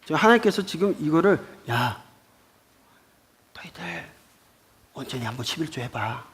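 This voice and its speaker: A man's voice: sits high, very fast, fairly bright tone, husky. A man voicing God as a man, chiding his people in a blunt, casual way.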